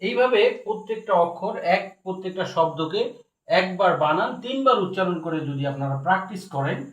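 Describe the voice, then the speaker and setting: A man's voice: high-pitched, animated, brisk, a bit bright, lo-fi sound. A man teaching Quran reading, spelling each letter and repeating every word three times. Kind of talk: recorded lesson. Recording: echoey room, voice from far off.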